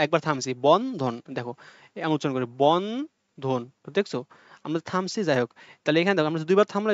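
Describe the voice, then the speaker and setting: Fast-talking male tutor. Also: a little high, no echo. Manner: explains step by step, repeating key points and checking understanding. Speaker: teacher. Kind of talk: exam-prep Bangla lesson. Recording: dull lo-fi audio.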